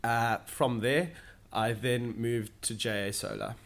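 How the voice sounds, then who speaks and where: A young man from Zimbabwe, answering interview questions in a steady, explanatory way, pausing to find his words, in an office. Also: medium pitch. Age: young adult. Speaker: guest, solar sales manager. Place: office in London.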